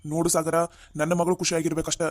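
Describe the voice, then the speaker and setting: A man's voice: a little high, level tone, fast talker, lightly acted. A man voicing a stern middle-aged father in a cartoon family drama, blaming and lecturing.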